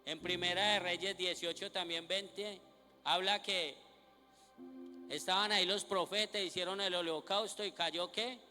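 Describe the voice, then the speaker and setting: A man's voice: high-pitched, fairly even intonation, measured pace, sharp tone. A man preaching a sermon at a night vigil, reading scripture aloud and asking the congregation questions that he then answers himself. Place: church during a night vigil. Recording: reverberant church hall with music behind.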